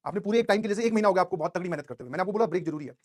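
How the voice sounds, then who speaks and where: A young man teaching a class of exam students, telling a motivational story in an animated way, with English phrases mixed in. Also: high-pitched, racing. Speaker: coaching teacher.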